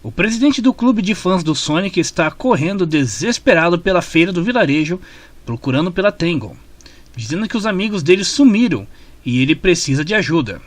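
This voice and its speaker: There's no room sound on this high-sitting male voice, though a clear music bed runs behind it. He has a Brazilian accent and is narrating a scripted retelling of a comic story.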